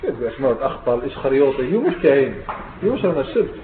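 A man's voice: mid-range voice, big pitch swings, very fast, slight background noise. A man with an Algerian Arabic accent, an Islamic scholar giving a classroom grammar lesson who explains step by step and keeps checking that his students follow. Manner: explains step by step, often asks students "understood?". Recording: echoey room on a tinny, phone-like line.

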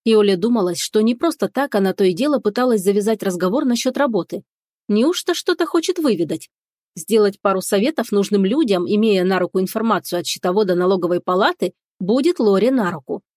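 A woman narrating a fantasy audiobook in a steady storytelling manner. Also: medium pitch, quick pace, few pauses, no echo, clean studio sound.

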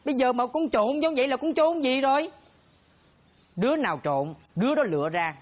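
A woman's voice: animated, brisk. A woman playing a harsh middle-aged stepmother who scolds and threatens in a comic sketch. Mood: scolding. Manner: shrill scolding, shouting threats.

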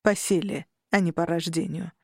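A calm, self-assured young vampire man, as read by a woman narrator, speaks in a slightly lowered, level voice. The recording is dry and close. He sounds possessive and unhurried. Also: gravelly, husky, dry recording. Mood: matter-of-fact. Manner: calm, low-key, confident. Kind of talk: audiobook character reading.

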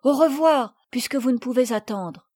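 A woman voicing an anxious young housemaid in a storybook reading, speaking in a hurried, urgent way. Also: high voice, a little mellow, no echo, clean studio sound.

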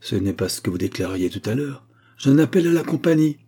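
A man's voice: medium pitch, big pitch swings, a little fast, mellow, husky, voice pushed up. A man voicing a proud, impetuous young nobleman who speaks in a haughty, disdainful way.

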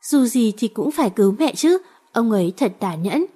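Woman doing a hurt little boy, resentful, husky mellow voice. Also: on the high side, lively intonation, moderate pace. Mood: pleading. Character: seven-year-old boy, grieving and bitter.

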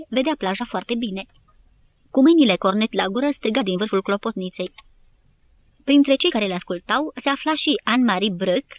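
A woman narrating a war history audiobook in an even, measured reading. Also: mid-range voice. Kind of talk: scripted narration.

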